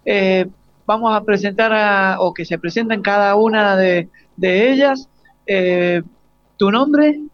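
Clean in tone and sitting high, this male voice has no room sound, though the live broadcast itself is dull and lo-fi. He's an Argentine-accented radio interviewer in his forties, casually questioning students and haltingly rephrasing as he goes.

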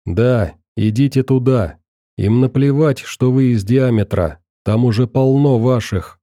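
A man's voice: medium pitch, unhurried, warm tone, no room sound, studio quality, close to an everyday voice. A man voicing a plain-spoken, determined male survivor who urges others bluntly. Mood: urging.

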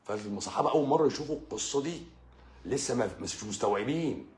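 Talking fast in a mid-range voice, a man with an Egyptian Arabic accent hosts a channel and delivers a religious talk. He addresses the listener directly with lively energy, repeating himself and stammering, and the sound is roomy.

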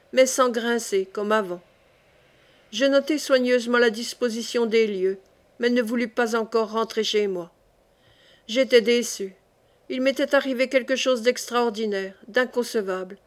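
Woman, audiobook narration, fantasy short story, measured deliberate delivery, slightly high voice. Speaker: audiobook reader.

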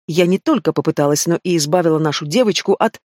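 A man's voice: on the high side, fast talker, no room sound, studio quality, natural voice. A man voicing a proud, stubborn old she-wolf, a mother, in an audiobook. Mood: defiant. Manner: defiant, hissing.

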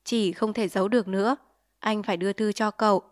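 A woman reading a short story aloud in a calm, steady storybook narration. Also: mid-range voice, brisk, no echo, studio quality. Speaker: audiobook narrator.

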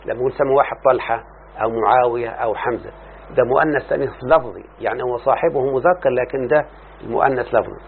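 A man's voice: medium pitch, fast. A man with an Egyptian accent teaching a classroom lesson on grammar, reading from a text, explaining it and often checking whether his student follows. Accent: Egyptian Arabic. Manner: explains then quizzes the student with repeated checks. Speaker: teacher of Arabic morphology. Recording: tinny lo-fi recording with faint hiss.

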